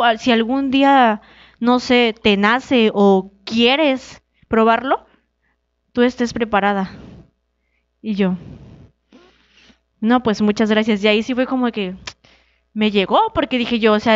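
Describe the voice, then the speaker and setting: A woman's voice: measured pace, pauses often, dry recording, muffled recording. A young woman from Mexico, a wrestler being interviewed, telling her story casually and acting out the dialogue. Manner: animated, acts out quoted dialogue with shifting pitch. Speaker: guest, wrestler.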